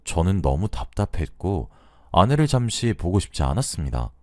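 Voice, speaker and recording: A man's voice: deep voice, very animated, normal speed, no echo, clean studio sound. A man narrating a first-person story in a conversational, recounting way.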